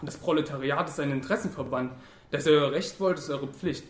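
A man's voice: fairly high pitch, a little fast, echoey room, natural voice. A man voicing an ironic, thoughtful young moralist in an audiobook, lecturing with dry irony.

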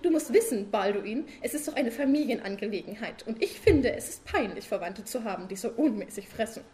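A woman voicing a fussy, nagging female beetle wife in a read-aloud story, high, insistent and preachy. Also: expressive, a little fast, warm tone, close to an everyday voice.

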